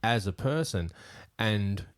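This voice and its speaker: A man's voice: lowish voice, animated, clean tone. A man co-hosting a podcast, giving blunt, opinionated takes in casual chat and swearing freely. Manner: swearing, opinionated, quick to joke. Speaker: podcast co-host.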